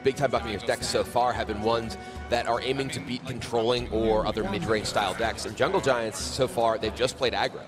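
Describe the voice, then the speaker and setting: A man's voice: mid-range voice, steady tone, brisk. A male co-caster with an ordinary mid-range voice. He breaks down plays in an explanatory way, with music running underneath. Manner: explanatory, detailed analysis. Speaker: esports co-caster. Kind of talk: color commentary.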